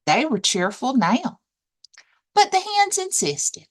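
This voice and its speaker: A high-pitched librarian narrates a children's storybook, dwelling on the verbs of action as she reads deliberately and with plenty of expression.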